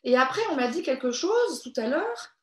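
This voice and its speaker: A woman's voice: sits high, big pitch swings, normal speed. A woman hosting a live online creative workshop for children, cheerful and encouraging as she reads out viewers' comments. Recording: echoey room.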